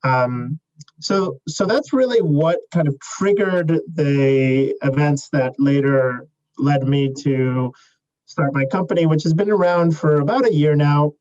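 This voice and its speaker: A young adult man from Chile, a startup CEO answering interview questions in a measured way, with many fillers and restarts. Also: on the high side, darkish tone, lo-fi sound.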